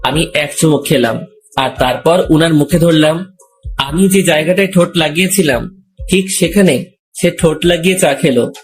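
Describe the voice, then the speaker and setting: A young man calmly narrating a romantic story in the first person, also voicing the male lead. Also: fairly high pitch, moderate pace.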